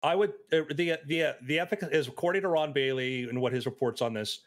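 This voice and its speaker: A man on a casual panel discussion, heard through choppy Bluetooth earbud audio that keeps cutting out, stating his points in a matter-of-fact way and rattling off figures quickly. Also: mid-range voice. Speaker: podcast panelist.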